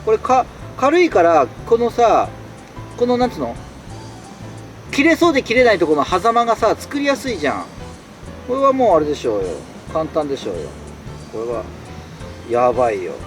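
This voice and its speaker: A man's voice: sits high, sing-song, moderate pace, long pauses, faint music behind. A man in a tent in the rain, chatting casually on a live stream and answering viewer comments in an exclamatory way. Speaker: solo camping streamer. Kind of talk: casual live-stream chat while camping. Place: inside a tent while it rains.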